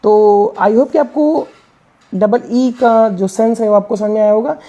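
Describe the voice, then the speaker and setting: A woman with a somewhat high, warm, mellow voice teaches English reading. She spells each word letter by letter and asks questions that she answers herself. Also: unhurried. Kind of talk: classroom-style reading lesson.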